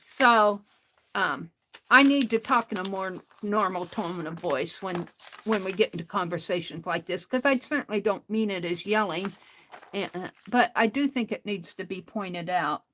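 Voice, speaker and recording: Hosting an art livestream, a woman chats casually with her viewers in a loud voice. Her voice is mid-range and her pace measured, though she rambles and keeps restarting her sentences.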